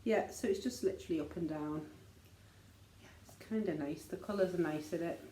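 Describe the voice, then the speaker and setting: A woman's voice: fairly low pitch, fairly quick, dark tone, echoey room, a little hiss or hum. A middle-aged woman, a mother chatting casually in an easygoing, rambling way as co-host. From Liverpool, England. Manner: rambling, easygoing, filler-heavy. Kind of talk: casual chat.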